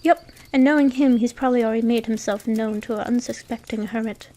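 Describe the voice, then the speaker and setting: Woman voicing an easygoing man, friendly, casual, slightly high, audiobook character. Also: fairly even intonation, brisk, mellow, slight background noise, close to an everyday voice.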